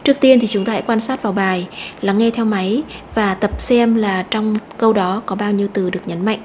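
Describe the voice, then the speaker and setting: A woman teacher explaining an English lesson step by step, slowly repeating each word to stress. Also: mid-range voice, fairly even intonation, a little mellow, a little hiss or hum. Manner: methodical, repeats words slowly.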